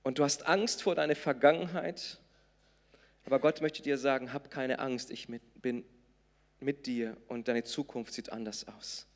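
Preacher in a reverberant hall. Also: male voice, mid-range voice, fairly even intonation, a little slow. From southern Brazil. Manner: impassioned, swings between loud emphatic peaks and soft intimate lines. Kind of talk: sermon. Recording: long reverb of a large hall.

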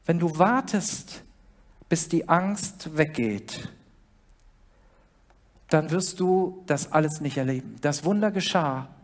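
A preacher delivers a sermon in a conversational, personal manner, addressing the listener directly. Quoted lines from the story are acted out with a lifted voice. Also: mid-range voice. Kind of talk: sermon retelling a Bible story.

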